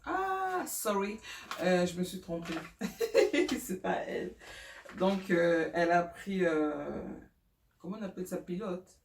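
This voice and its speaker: A middle-aged woman chats her way through a home vlog, pausing often and laughing at her own slips. She sounds a little distant from the microphone, in a roomy space with a faint hiss behind her. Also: on the low side, lively intonation, gravelly. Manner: chatty, hesitant, laughs at herself, many fillers. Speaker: mother showing school supplies.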